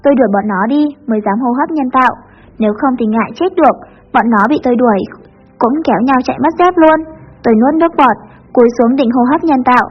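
A woman with a high voice reads a first-person story in a lively, chatty manner, moving quickly. The recording is a bit muffled, with soft music playing underneath. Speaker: audiobook narrator.

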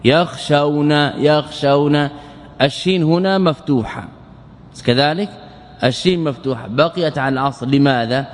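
A man teaching Arabic morphology in a lecture, repeating words slowly and asking and answering his own questions. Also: on the high side. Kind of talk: classroom lecture explaining grammar. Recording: long hall reverb.

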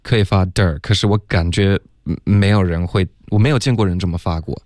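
A man's voice: sits low, brisk, a little mellow, no room sound, clean studio sound. A man teaching English pronunciation on a radio lesson, explaining step by step and saying "OK" often. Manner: patient, step-by-step, frequent "OK" and "嗯". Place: radio studio.

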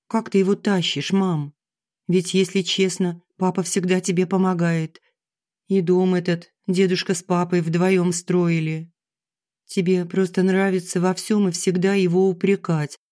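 A narrator voicing a distressed young daughter who pleads earnestly and gently with her mother, in an audiobook. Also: mid-range voice, level tone, measured pace, pitched above the performer's own voice, lightly acted. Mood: pleading. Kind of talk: audiobook character reading.

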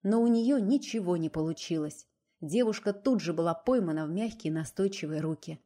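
A woman narrating a romance novel in an even, measured storytelling voice. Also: fairly low pitch. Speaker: audiobook narrator.

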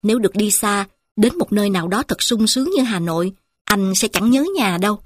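A woman voicing a naive, eager young village man who speaks with excited emphasis. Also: medium pitch, brisk, dry recording, studio quality, natural voice.

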